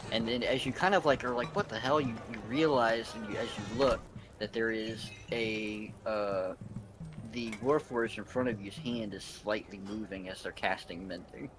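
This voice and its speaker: A man's voice: lowish voice, fairly even intonation, moderate pace, background noise. A man narrating a tabletop game as game master, rambling with many fillers. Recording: clear background ambience.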